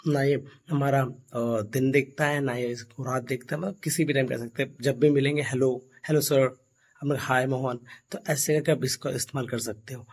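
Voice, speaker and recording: Husky man teaching English. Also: mid-range voice, a little mellow. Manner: asks and answers his own questions, slow modelled English phrases. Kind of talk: slide-based spoken lesson.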